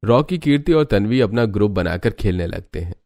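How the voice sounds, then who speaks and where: A man narrating a cartoon moral story in a steady, matter-of-fact way. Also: lowish voice, a little fast, soft background music.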